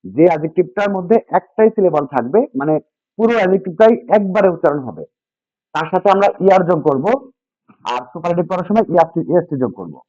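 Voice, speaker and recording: A man's voice: high-pitched, big pitch swings, fast, darkish tone, dry recording. Man teaching grammar, quizzing his class. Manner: repeats key points, quizzes students with questions. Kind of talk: classroom lesson with call-and-response. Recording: dull, dry lo-fi sound.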